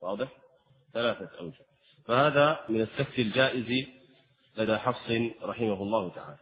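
A man teaching the rules of Quran recitation, explaining at a measured pace and breaking into slow, melodic recited examples. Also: lowish voice, big-room sound. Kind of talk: tajweed lesson with chanted examples. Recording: slightly dull lo-fi sound.

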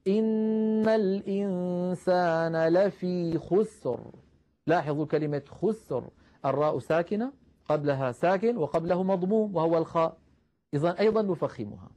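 A man teaching the rules of Quran recitation, explaining patiently, calling his listeners brothers and slowing down to recite example verses. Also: on the high side, a little mellow. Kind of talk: tajweed lesson.

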